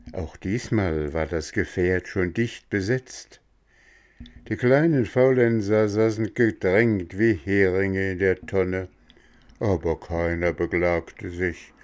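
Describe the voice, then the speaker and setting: A man slowly reading a children's storybook aloud, addressing young listeners. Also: sits low, a little mellow. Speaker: narrator.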